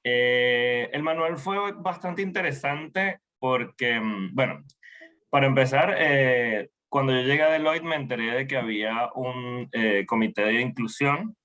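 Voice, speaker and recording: A man from Venezuela, speaking haltingly as a panelist in an online talk, with many restarts and fillers. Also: medium pitch, pushed and bright.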